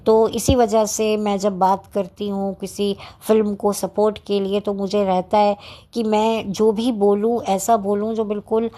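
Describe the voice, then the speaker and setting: Woman vlogger, unscripted film-chat channel, slow, deliberate, chatty delivery. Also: medium pitch, level tone, warm tone. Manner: slow, deliberate and chatty, speaking without notes. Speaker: YouTuber reviewing films. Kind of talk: unscripted talk to camera.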